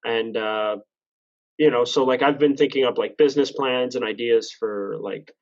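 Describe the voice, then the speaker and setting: A Canadian man in his twenties, guesting on a podcast, chats casually in a mid-range voice at a moderate pace. He rambles, corrects himself as he goes, and laughs at himself now and then. The sound is lo-fi.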